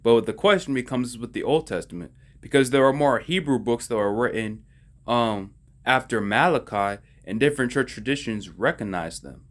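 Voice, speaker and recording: A man's voice: mid-range voice, lively intonation, moderate pace. A man explaining the Bible in a casual, conversational teaching style, often checking that listeners follow along. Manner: conversational, folksy, asks listeners if they follow. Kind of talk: casual religious explainer video.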